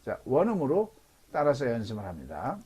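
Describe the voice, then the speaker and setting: A man's voice: moderate pace, husky. A middle-aged man teaching English in an online lecture, explaining grammar step by step. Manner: explains step by step, lively pitch. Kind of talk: Zoom lecture. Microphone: video call.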